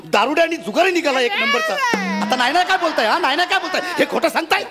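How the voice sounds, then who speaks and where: A man's voice: extremely high pitch, big pitch swings, racing. A young man playing an indignant grown son who keeps questioning and protesting in exasperation. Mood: exasperated. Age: young adult. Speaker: patient's son. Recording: loud music in the background. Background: loud music.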